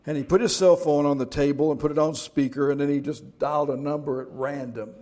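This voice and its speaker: A man's voice: fairly high pitch, fairly even intonation, fairly quick, dark tone. A middle-aged man preaching a sermon as pastor, telling jokes and stories in a folksy way. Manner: folksy joke-telling storyteller.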